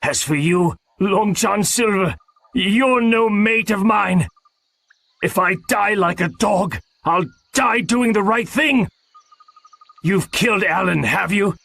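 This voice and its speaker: Man doing a hoarse, shaky honest sailor. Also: high-pitched, takes it slowly, fairly bright tone, no echo, voice pushed up, heavily acted. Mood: defiant. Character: honest young sailor, brave and desperate.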